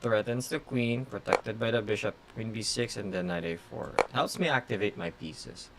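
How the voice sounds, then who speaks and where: A male grandmaster who grew up speaking Tagalog talks through his blitz chess on stream in clipped, hesitant phrases and lots of fillers. His voice is mid-range, and the audio is very noisy.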